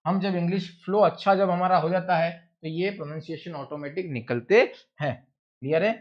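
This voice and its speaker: A man's voice: high-pitched, fairly quick, highs cut off. A male teacher, giving a classroom lecture, who repeats words and keeps asking the class questions. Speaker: English teacher.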